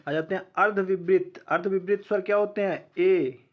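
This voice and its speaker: A male teacher with a fairly high voice runs through an exam-prep lesson, firing off questions and answering them himself. He slows down to spell out sounds one at a time. The recording is a little dull and lo-fi. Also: fairly even intonation. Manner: sounds out letters slowly one by one.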